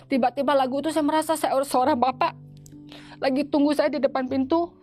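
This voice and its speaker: Halting woman sharing her church testimony. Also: sits high, fairly even intonation, darkish tone, soft background music. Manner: halting, with frequent restarts and repeated words. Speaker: church member giving a testimony. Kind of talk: conversational testimony interview.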